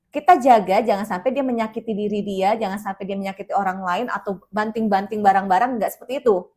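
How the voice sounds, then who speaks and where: A woman from Indonesia, a child and teen practitioner, giving a parenting seminar talk and lively acting out adult and child voices. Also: mid-range voice.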